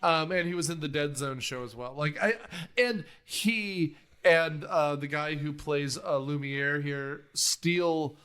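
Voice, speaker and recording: A man's voice: fairly high pitch, slow, a bit bright, smooth. A middle-aged man hosting a casual movie podcast, rambling through tangents with lots of fillers and swearing. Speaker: podcast host. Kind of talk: casual movie-review chat.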